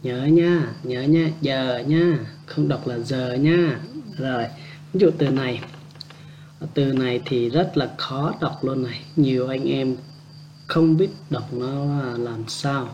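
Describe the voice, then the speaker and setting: A man giving a casual spoken language lesson, repeating example words slowly and adding chatty, joking asides. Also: mid-range voice, dark tone, dull audio, a little hiss or hum. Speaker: language teacher.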